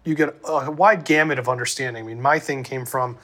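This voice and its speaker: A man's voice: medium pitch, fairly even intonation, fairly quick, fairly bright tone. Chatty male host from the Midwest. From American Midwest. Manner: chatty, tangents, stammering restarts. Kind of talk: conversational interview.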